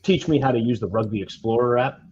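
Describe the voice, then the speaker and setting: Mellow-voiced teasing male co-host. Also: mid-range voice, fast talker. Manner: easygoing, teasing. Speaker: co-host, referee. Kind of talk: casual sports talk show. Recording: dull line with faint noise.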